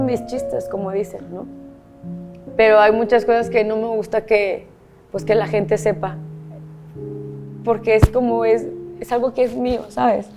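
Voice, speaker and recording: A woman from Monterrey with a Mexican accent, a guest telling her life story candidly, repeating herself and swearing casually. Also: medium pitch. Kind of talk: emotional personal storytelling.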